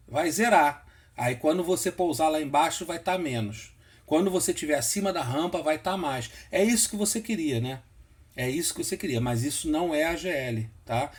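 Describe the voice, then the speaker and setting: A man giving a casual screen-share tutorial, patient and repetitive, often checking in with the listener. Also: fairly high pitch. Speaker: instructor explaining flight instruments.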